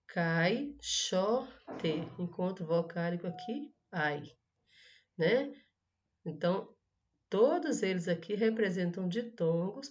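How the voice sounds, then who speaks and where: Slow-spelling woman teacher, muffled audio. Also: medium pitch, darkish tone. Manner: slow, syllable-by-syllable word stressing, frequent "né?". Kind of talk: correcting schoolwork in a recorded lesson.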